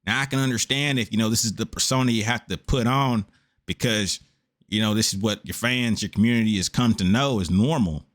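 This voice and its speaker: A man's voice: fairly low pitch, fairly quick, a bit bright. A tired man reacting to a video on stream, talking in an exasperated, lecturing way and calling the other person "brother". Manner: exasperated, preachy, says "brother" a lot. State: tired after a long stream. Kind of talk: casual reaction commentary.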